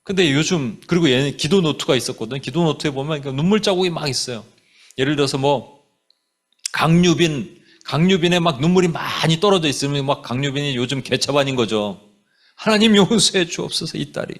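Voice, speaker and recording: A man preaching a sermon as a pastor, animated, dropping English phrases into his talk. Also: fairly high pitch, a little fast. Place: church sanctuary.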